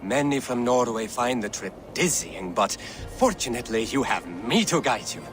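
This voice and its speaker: In a video game cutscene, an actor voices a deluded old Saxon man who is proud, fretful, and wandering-witted, rambling grandly in a grand welcome. The man's voice is medium-pitched, sing-song, and a bit bright at a normal speed. Soft music plays in the background.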